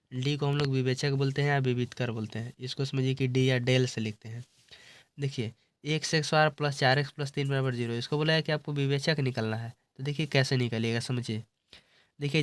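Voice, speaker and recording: A man gives an exam-prep maths lesson in a middle-pitched voice. He explains in small repeated steps and keeps coaxing the listener along. The sound is dry and close, with no room around it. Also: no echo. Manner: repetitive explaining, often says "see" and "understand". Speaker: teacher.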